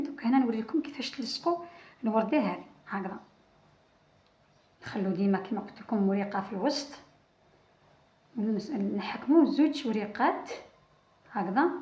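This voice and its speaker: A woman with an Algerian Arabic accent explains crochet steps as she works, often restarting a phrase or counting aloud. She talks quickly and casually. The recording sounds roomy and a little dull. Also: mid-range voice, darkish tone. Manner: talks while working, many restarts and counting. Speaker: crochet channel host.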